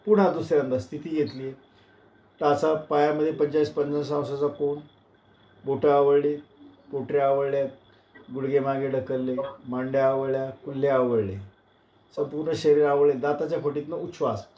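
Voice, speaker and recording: A man leading an online breathing and posture class, counting slowly and giving calm step-by-step cues that drop soft and low. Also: a little hiss or hum. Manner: slow, counting cues, voice dropping soft and low when calming. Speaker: yoga and breathing instructor. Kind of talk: guided breathing exercise instruction. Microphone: video call. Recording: roomy, dull lo-fi online class audio.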